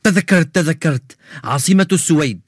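An actor playing a calm, knowledgeable young science buff who explains things in a children's radio drama. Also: male voice, fairly high pitch, fairly quick, no echo, studio quality, close to an everyday voice. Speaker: science expert character in a radio show.

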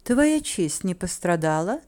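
A woman's voice: fairly low pitch, very animated, measured pace, warm tone. A woman voicing a stern, haughty duchess who speaks sharply, in an audiobook read.

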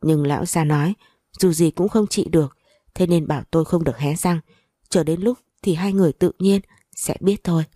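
A loyal older butler, sorrowful and measured, in a storybook reading, as a woman narrator voices him. His words come out low and mellow in a dry, close recording. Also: no room sound. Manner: sad, measured telling.

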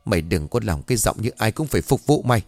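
Stern middle-aged mother, played by a male narrator, sharp-tongued, scolding, story reading. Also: lowish voice, sing-song, fast talker, no echo, faint music behind.

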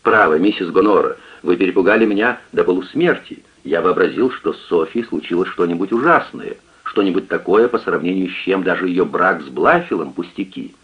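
Man doing an urgent lovestruck young gentleman. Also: sits low, lively intonation, brisk, hardly any pauses, breathy edge. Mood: relieved. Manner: urgent, pleading. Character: agitated young gentleman in love. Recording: tinny lo-fi radio recording.

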